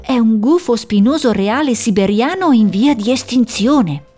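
A woman voicing a young female owl who is cheerful and caring, talking in a bright, reassuring way. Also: on the high side, animated, a little slow, faint music behind. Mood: warm. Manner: bright, reassuring, a little anxious underneath.

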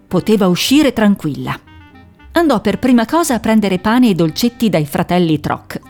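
A woman reads a children's storybook aloud in a gentle, expressive manner. Soft music plays faintly beneath her narration. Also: medium pitch.

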